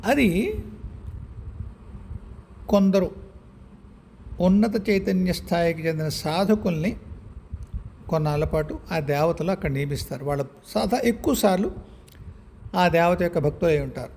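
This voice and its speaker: A man giving a reflective spiritual talk, measured, pausing often and correcting himself, with English words mixed in. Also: high voice, lively intonation, vocal fry, a little mellow, slight background noise. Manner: measured, with many pauses and self-corrections; mixes English words into speech.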